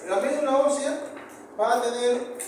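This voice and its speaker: High-voiced Peruvian professor in an echoey classroom. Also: male voice, steady tone, moderate pace, a little mellow. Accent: Peruvian Spanish. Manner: repeats key terms, asks the class rhetorical questions. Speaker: histology professor. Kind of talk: university lecture. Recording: very echoey room, far from mic, noisy.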